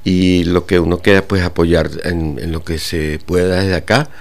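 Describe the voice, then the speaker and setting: An older man from Venezuela, a guitar teacher, speaking haltingly with many pauses and fillers in a radio interview. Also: sits low, level tone. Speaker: guitar teacher and orchestra director.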